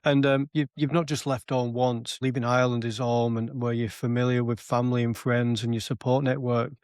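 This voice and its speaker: A male podcast host asks reflective questions at an even, measured pace. His voice sits in a middle range. The recording is dry, with little room sound. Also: mid-range voice, clean tone, dry recording. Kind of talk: interview questions.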